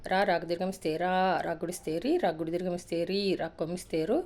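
A woman teacher rapidly reciting an alphabet drill in a sing-song rhythm, adding brief asides about writing the letters. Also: lowish voice, level tone, a little mellow. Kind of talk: reciting a Telugu alphabet lesson.

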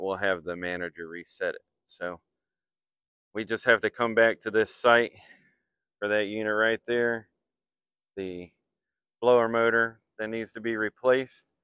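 A lowish, pushed, bright voice belongs to an HVAC technician explaining a hands-on repair step by step as he works outdoors on a flat commercial rooftop. He's matter-of-fact, filmed on a handheld phone, and the sound is clean and studio quality with no room sound.

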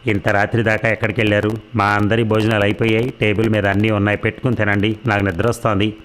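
A man voicing a proud, domineering middle-aged wife who answers with drawling, haughty retorts, in his own low voice. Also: level tone, fast, fairly bright tone, lightly acted.

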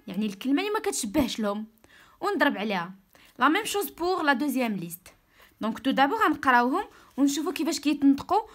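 A woman with a Moroccan accent giving an online French reading lesson, slowly spelling out sounds and explaining in Darija. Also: high-pitched, fairly bright tone. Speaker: French teacher.

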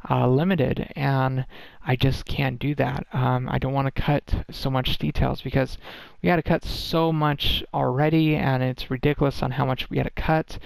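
A man's voice: medium pitch, creaky, no room sound. A tired man giving a casual, rambling game development update, full of ums and restarts. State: tired, worn-out voice.

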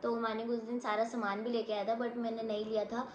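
A woman's voice: a little high, little pitch movement, brisk, highs cut off, slight background noise. A young woman telling a vlog story in a casual, subdued tone. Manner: soft and subdued while recounting, sharp when arguing. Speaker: vlogger. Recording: echoey room with faint ambience.

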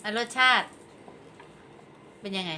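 Bright-voiced woman playfully chatting with kids. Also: unhurried. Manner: playful, exclaims and sing-songs little fanfares. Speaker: host guiding children through a candy tasting. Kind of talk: casual chat with young children, prompting and questioning. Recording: clear background noise.

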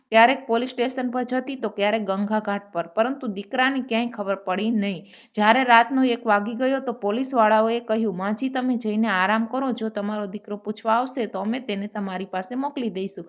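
A woman narrating a scripted story and reading all the dialogue in the same even narrating voice. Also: fairly high pitch.

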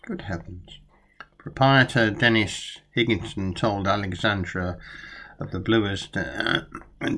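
With a low, pushed, bright voice, an older man reviews a book on his vlog, mixing casual talk with relished, storyteller-style reading aloud. He's recorded indoors on a close-up webcam in a small room at home.

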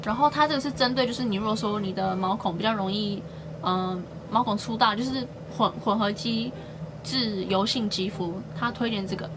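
A woman's voice: mid-range voice, fairly quick, background noise. A young woman, chatting casually and cheerfully as she shows the things she bought. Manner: chatty and upbeat, often stresses words by doubling them. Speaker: beauty and shopping vlogger. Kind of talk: casual haul vlog chat.

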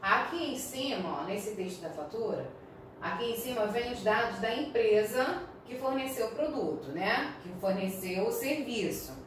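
A woman primary school teacher with a Brazilian Portuguese accent explains a recorded class lesson slowly and patiently, often checking in with her pupils. Her fairly high voice is animated. The mic sits at a distance in an echoey room, with a little hiss or hum.

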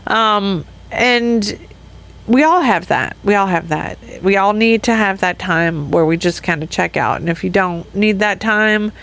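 A woman in her fifties talking alone on her own podcast, at an ordinary middle pitch. She rambles candidly and restarts her thoughts often, laughing as she goes. The chat is loose and unscripted, with nothing staged about it. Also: unhurried, creaky, a bit bright. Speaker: podcast host. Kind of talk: casual solo podcast chat.

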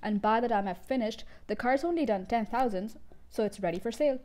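A woman reading a storybook aloud, voicing a boastful, crooked car-dealer father who talks loudly and emphatically. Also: a little high, a little fast, natural voice. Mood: bragging. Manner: loud, bragging, emphatic.

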